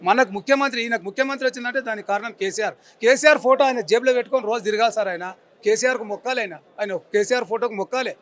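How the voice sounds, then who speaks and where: A man's voice: very high-pitched, rapid-fire, fairly bright tone. A man in his forties with a Telangana Telugu accent, angrily and emphatically ranting in a street interview and repeating his insults. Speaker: member of the public interviewed.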